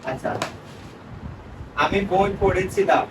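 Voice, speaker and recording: A man's voice: high-pitched, slow pace. A man teaching a spoken grammar lesson, asking his student questions and repeating the answers. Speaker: English teacher. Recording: echoey room from far off, noisy.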